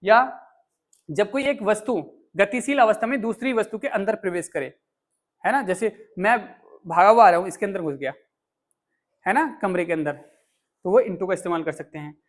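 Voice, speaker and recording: Joking, scolding male classroom teacher. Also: high-pitched. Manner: scolding, joking with students, repeats English words slowly. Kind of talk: classroom grammar lesson. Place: indoor classroom.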